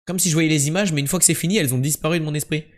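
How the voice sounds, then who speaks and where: A young man streaming quiz games live, chatting casually and joking, jumping between loud bursts and low mumbles. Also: rapid-fire.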